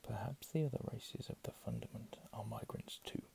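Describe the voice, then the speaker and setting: Gravelly man whispering, reading under his breath. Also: medium pitch, fairly even intonation. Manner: slow, hushed delivery. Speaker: ASMR reader. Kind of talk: ASMR whispered reading of game lore with casual asides.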